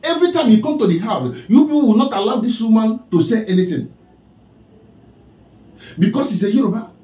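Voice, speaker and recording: A man with a Nigerian accent lectures and scolds in a strikingly high voice that swoops up and down. His tone is mellow rather than bright. It sounds like a roomy, echoey space. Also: expressive, brisk. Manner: preachy and scolding, repeats the name he addresses. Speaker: online commentator. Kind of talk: scolding commentary monologue.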